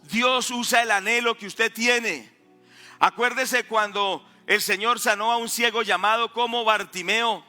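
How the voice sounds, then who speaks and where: A male pastor with a high voice preaching in a church hall. His tone is piercingly bright and fervent, and he swells into shouted pleas before dropping low and quiet. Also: fairly even intonation, measured pace, soft background music. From Colombia. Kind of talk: sermon.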